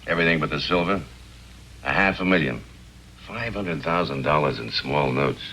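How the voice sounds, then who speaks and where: An actor playing a brisk insurance company chief in a 1950s film, businesslike and urgent. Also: male voice, a bass voice, pushed and bright, a little hiss or hum, low-quality recording.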